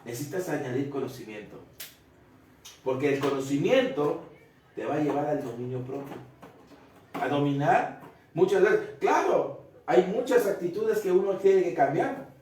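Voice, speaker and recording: Earnest preacher in a very echoey room. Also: male voice, on the high side, expressive, normal speed, long pauses, a little mellow, recorded from a distance, a little hiss or hum. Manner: earnest, repeats and restarts phrases, asks listeners questions. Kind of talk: Bible study sermon.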